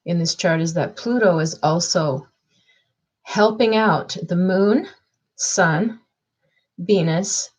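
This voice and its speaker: Slow, unhurried woman astrologer. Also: on the low side, a little mellow, poor audio. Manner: unhurried, thinking aloud with many fillers and restarts. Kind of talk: casual astrology reading.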